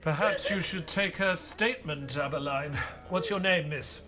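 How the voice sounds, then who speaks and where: An actor playing Dr. Watson, an earnest, squeamish doctor and sidekick who also narrates the audio play, in a measured, hesitant manner. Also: male voice, on the high side, bright, forceful tone, faint music behind.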